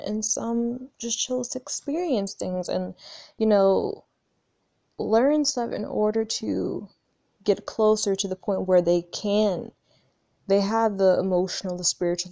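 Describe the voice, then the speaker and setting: In a mid-range, creaky voice with a dark tone, a 21-year-old woman who vlogs about spirituality muses candidly and rambles about her journey, swearing offhandedly and restarting sentences. The recording is studio quality with no room sound.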